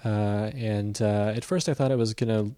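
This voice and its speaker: A man's voice: on the low side, fairly even intonation, moderate pace, mellow, clear, resonant tone, dry recording, studio quality. A man talking casually as a film critic, thoughtful and hesitant, with many fillers and restarts. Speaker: film critic reporting from a festival. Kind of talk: casual conversational review.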